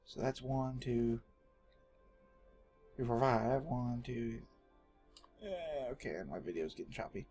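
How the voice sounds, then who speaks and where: Speaking slowly and pausing often, a man from Texas offers jokey, rambling commentary on his gameplay, often addressing himself. His medium-pitched voice is husky and darkish, with a Texan accent. Faint music and background noise come through the home recording.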